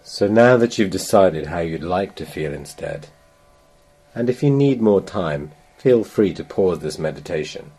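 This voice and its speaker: In a slow, soothing guided meditation, a man's very deep, dark voice comes across mellow, a touch breathy, and animated. He talks very slowly and gently, measuring each phrase and pausing at length between them.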